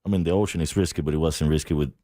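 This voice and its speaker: A man's voice: extremely low pitch, fairly even intonation, racing, mellow, no echo, clean studio sound. A man in his forties from Cuba, a guest on a radio show, chatting easily and laughing. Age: 40s. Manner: laid-back, laughs easily. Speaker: guest promoter. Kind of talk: casual radio chat. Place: radio studio.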